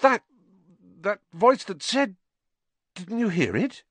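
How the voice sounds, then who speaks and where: A man's voice: sits high, sing-song, takes it slowly, no echo, voice pushed up, exaggerated voice. A man reading an audiobook, voicing a frantic, anxious twelve-year-old boy wizard. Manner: urgent, frantic. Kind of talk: audiobook character voice.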